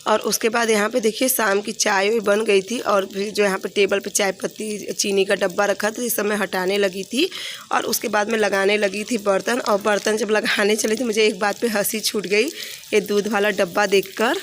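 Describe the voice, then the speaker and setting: A woman's voice: mid-range voice, little pitch movement, normal speed, slight background noise. A woman narrating her home vlog in a chatty, rambling way, with many fillers and restarts. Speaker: vlogger. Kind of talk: casual home vlog voice-over.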